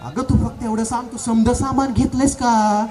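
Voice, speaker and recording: A man's voice: extremely high pitch, fairly even intonation, normal speed, mellow, some chatter behind. A man playing a nagging rustic husband. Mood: impatient. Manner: nagging, gruff, repeats himself. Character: impatient rural village husband, grumbling and joking. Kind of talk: comic stage play.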